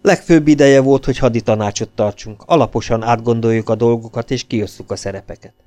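A man narrating an audiobook in a steady storytelling manner. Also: mid-range voice, no echo, soft background music. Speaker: audiobook reader.

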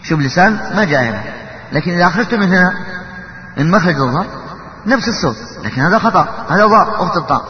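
A man teaching Quran recitation, explaining how letters are articulated and slipping into slow chanted verses. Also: high voice, expressive, slight background noise. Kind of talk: tajwid lesson. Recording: echoey hall, dull lo-fi sound.

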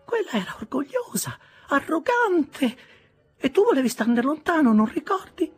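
A man voicing an imperious, gloating old jilted woman in a high, breathy, half-whispered, drawn-out voice. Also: big pitch swings, soft background music. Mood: mocking.

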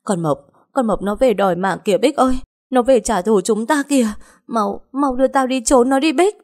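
A woman's voice: a little high, normal speed, darkish tone, pitched above the performer's own voice, close to an everyday voice. A woman voicing a terrified, guilt-ridden woman begging a ghost for mercy, in a panicked, shrieking, pleading manner.

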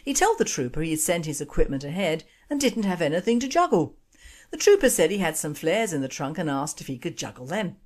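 Brief: woman radio host, lower-pitched, reads script in a steady, deliberate way. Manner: measured, deliberate reading. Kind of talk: scripted radio commentary and jokes.

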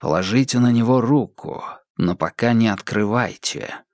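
A man voicing a calm, commanding male detective in a whispered role-play, his whisper low and steady. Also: measured pace, no echo, clean studio sound.

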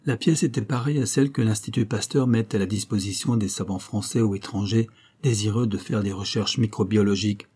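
Man, audiobook narrator, low husky voice, steady storytelling. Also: brisk. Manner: steady storytelling, lifts pitch for quoted characters. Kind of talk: scripted narration of a classic detective novel.

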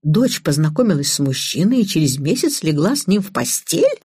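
A woman's voice: low voice, big pitch swings, moderate pace, warm tone, breathy edge, exaggerated voice. A woman voicing an anxious, prim older mother who frets and pleads. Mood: fretful. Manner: fretful, pleading.

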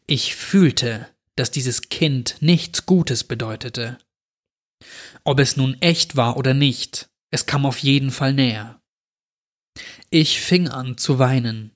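A man reading a creepy horror story aloud in a measured storytelling manner. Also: mid-range voice. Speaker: narrator.

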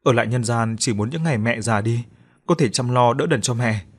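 Guy reading a sweet young ghost girl in a ghost story, pleading softly with her mom. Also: mid-range voice, a little fast, breathy edge, lightly acted. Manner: pleading and tender. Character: gentle young woman ghost, dutiful daughter.

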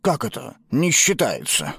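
A puzzled old grandfather who mutters and grumbles in a low voice, as a woman reading a children's book puts him on. His pitch swings widely from word to word, and the sound is close and dry. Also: huge pitch swings, a little slow, gravelly, husky, no room sound, full character voice. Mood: grumbling. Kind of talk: audiobook narration.

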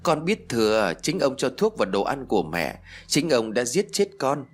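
A man's voice: medium pitch, big pitch swings, normal speed. A man voicing the ghost of a young boy who is bitter and vengeful, with a sulky, childish, reproachful way of talking. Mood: resentful.

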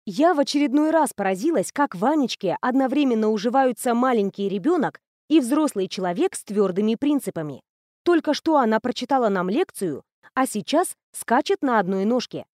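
High-voiced woman reading a novel. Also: very animated, brisk, a little mellow, dry recording, studio quality. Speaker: audiobook narrator. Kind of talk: scripted narration.

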